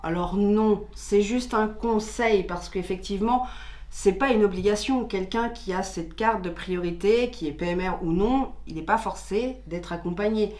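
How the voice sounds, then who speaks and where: A theme-park channel co-host, a woman, speaks at normal speed in a medium-pitched, slightly mellow voice. She's chatty and patient, explaining with filler words, and the room around her echoes.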